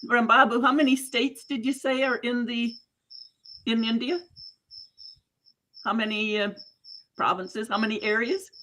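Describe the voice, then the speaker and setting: A woman hosting an interview in a conversational, expressive way, reflecting back what she hears. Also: on the high side, a little slow, pauses often, low-quality recording. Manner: expressive, exclaiming, paraphrases back. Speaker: interview host and coach.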